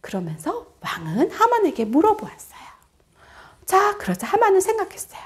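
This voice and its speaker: Children's preacher, woman, high and very lively, coaxing kids along with questions. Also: moderate pace. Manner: animated, addresses children with questions. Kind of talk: children's sermon storytelling.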